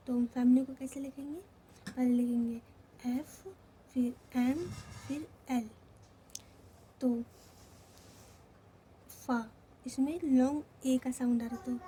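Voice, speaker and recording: Slow, high-voiced woman teaching step by step. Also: flat delivery, mellow, slight background noise. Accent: Hindi. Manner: slow, repeats each step, checks in with "theek hai". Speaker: shorthand teacher. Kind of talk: step-by-step lesson.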